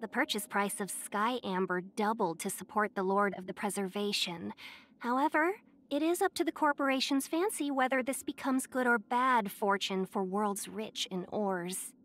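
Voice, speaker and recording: A woman with a mid-range, slightly bright voice close to everyday speech delivers scripted video game lines at normal speed, with a little hiss or hum. She plays a young fox-eared merchant who is silver-tongued, polite, playfully coy, chatty and courteous.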